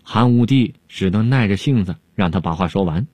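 Male storyteller, low husky voice, lively delivery. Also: moderate pace, no room sound. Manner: expressive, vivid narration. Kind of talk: storytelling narration.

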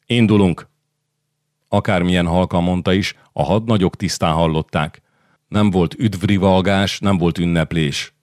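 A man with a very low voice reads a historical novel aloud in a measured, even storytelling manner. The sound is dry and close, with no room around it. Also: no echo. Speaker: audiobook narrator. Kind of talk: scripted audiobook narration.

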